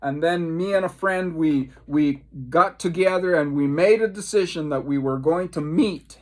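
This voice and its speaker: Leading a devotional Bible study, a man from the Caribbean speaks with a voice on the high side and a darkish tone. He's a pastor who shares personal stories with emphasis, using repetition and dramatic pauses.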